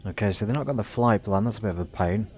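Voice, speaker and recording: Low-voiced man muttering through a flight sim. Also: a little mellow. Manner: halting, muttering to himself. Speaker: flight simulator streamer playing a pilot. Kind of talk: casual self-narrated gameplay with radio calls. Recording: rumbly background noise.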